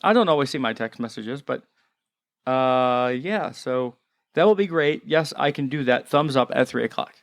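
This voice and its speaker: A Baltimore-accented man hosting a podcast, trading jokes and ribbing his co-host in loose, casual banter. His voice sits at a middle pitch, recorded close and dry with no room sound. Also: animated, moderate pace, gravelly, dry recording. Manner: joking, teasing banter. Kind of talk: casual chat.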